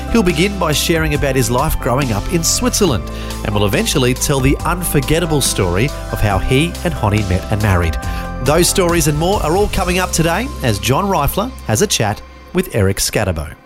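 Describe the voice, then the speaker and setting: Man, Australian accent, radio host intro, animated, music under voice. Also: fairly high pitch, brisk. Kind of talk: scripted show introduction. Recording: music bed behind voice.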